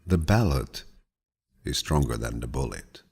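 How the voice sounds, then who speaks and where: An audiobook narrator, a man, reads a set of quotations in slow, scripted narration. He sounds soothing, grandfatherly and calm, speaking in a husky, low, deep voice.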